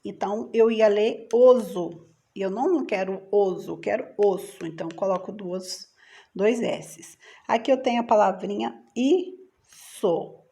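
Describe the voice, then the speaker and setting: A woman's voice: medium pitch, unhurried, gravelly, mellow. A Brazilian woman teaching young children a spelling rule in a patient, sing-song teacher voice. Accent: Brazilian Portuguese.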